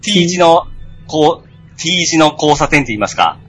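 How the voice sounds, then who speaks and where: A man's voice: fairly high pitch, expressive, moderate pace, over music. A man telling a rambling, muddled story in a casual comedy chat.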